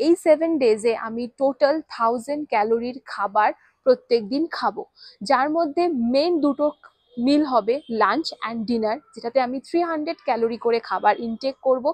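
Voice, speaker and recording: A woman's voice: on the high side, darkish tone, no room sound, low-quality recording. A woman, a vlogger laying out her rules step by step at home, slipping English words in. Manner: lists rules step by step, mixing English into Bengali. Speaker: fitness vlogger. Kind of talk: scripted-sounding vlog explainer.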